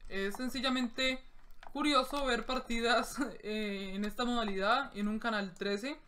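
A young man in his late teens from Colombia, chatting through live gameplay commentary and bursting into excited yells and swearing during fights. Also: very high voice, measured pace, slight background noise. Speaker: gaming youtuber.

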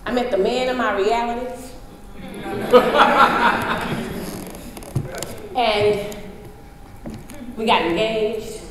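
High-voiced woman in an echoing hall. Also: very slow, pauses often, noisy background. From United States. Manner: storytelling, addresses the audience directly. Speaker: conference speaker. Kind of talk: motivational speech. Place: large conference hall. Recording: echoey hall with long reverb.

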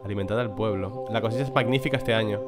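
A man's voice: fairly low pitch, fast talker. A young man with a Spain Spanish accent, reading out game text and commenting casually, swearing and exclaiming when things go wrong. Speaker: gameplay commentator. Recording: music playing behind the voice.

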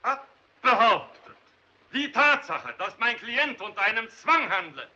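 A man's voice: very high-pitched, sing-song, measured pace, bright, forceful tone, muffled recording, a little hiss or hum, exaggerated voice. An actor playing a formal, argumentative male defense lawyer pleading before a hostile crowd, in 1930s film drama style. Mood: insistent. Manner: formal, argumentative, raising his voice over heckling. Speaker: defense counsel.

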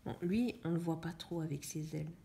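A young woman talks her viewers through her coloring in a quiet, half-whispered way, as if thinking aloud. Her voice sits a little low and sounds mellow and relaxed. It was recorded at home on a phone camera, with a faint hiss underneath. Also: a little fast, creaky. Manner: soft, half-whispered musing while coloring. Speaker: vlogger. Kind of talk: casual coloring vlog chat.

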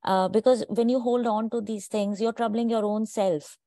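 A woman host reflects in a measured, thoughtful way on her guest's words. Her voice is mellow and dry, recorded close with no room sound. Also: a little high, fairly even intonation, no room sound. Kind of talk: reflective interview comments.

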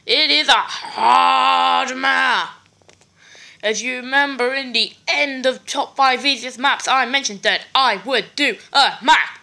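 Speaking slowly in a high, creaky voice with a sharp edge, a woman who makes gaming videos delivers loose, slangy commentary. She's brash and swears now and then, and her voice is slightly off from a cough.

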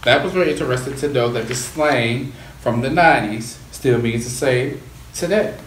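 A man co-hosting a casual food vlog, talking in relaxed, slangy chat. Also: mid-range voice, moderate pace. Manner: laid-back, animated, colloquial slang. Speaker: YouTube vlog co-host. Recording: echoey room, faint background noise.

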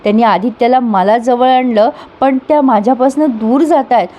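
A woman's voice: a little high, moderate pace, dull audio, natural voice. A woman voicing a remorseful young husband, speaking in a pleading, apologetic way.

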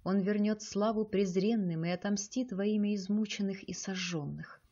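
Lady reading an audiobook, mellow and warm, a bit dull lo-fi sound. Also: medium pitch, fairly even intonation, normal speed. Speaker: audiobook narrator. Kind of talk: scripted audiobook narration.

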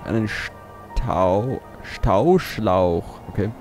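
Slow-talking, low-pitched man commenting on a game. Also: music in the background. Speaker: let's play host. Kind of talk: casual gameplay commentary.

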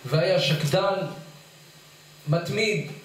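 A man's voice: sits high, a bit bright, slight background noise. A middle-aged rabbi giving a sermon-style Torah lesson, telling stories and acting out the pleas he quotes. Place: study hall. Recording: echoey hall, voice far from the mic.

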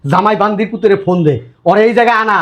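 A middle-aged man playing an arrogant, foul-mouthed rich industrialist father who shouts insults and barks orders. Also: sits high, expressive, quick pace. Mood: furious.

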